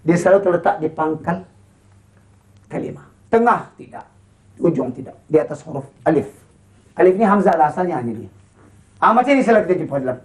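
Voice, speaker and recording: A Quran recitation teacher with a Malaysian Malay accent, chanting slow model verses and then quickly explaining and quizzing pupils. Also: mid-range voice, lively intonation. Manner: quizzing pupils with short questions. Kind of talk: classroom lesson with call-and-response.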